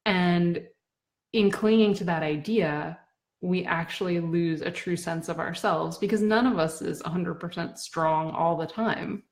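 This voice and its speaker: A woman's voice: fairly low pitch, measured pace, darkish tone. A woman in her thirties telling a personal story in an earnest, reflective way. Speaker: blogger sharing a personal story. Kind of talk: reflective personal talk to camera.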